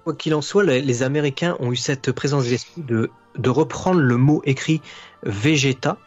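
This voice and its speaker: Husky-voiced man explaining at length. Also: medium pitch, moderate pace, faint music behind. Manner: explains at length with many fillers and restarts. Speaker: guest YouTuber analysing anime. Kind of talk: casual podcast discussion. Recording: dull lo-fi recording.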